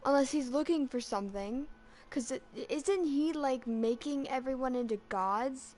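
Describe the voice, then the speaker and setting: A woman chatting casually as a fan vlogger, rambling and excitable with lots of restarts, her voice cracking slightly from being sick. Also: high voice, normal speed. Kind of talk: casual chat.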